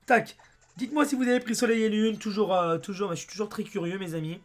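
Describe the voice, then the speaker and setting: A young French man with a hoarse voice, chatting excitedly as he plays a game and talks to his viewers. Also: high voice, quick pace. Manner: chatty and excitable, often says "mes amis" and "abusé". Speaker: let's play host. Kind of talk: casual gameplay commentary.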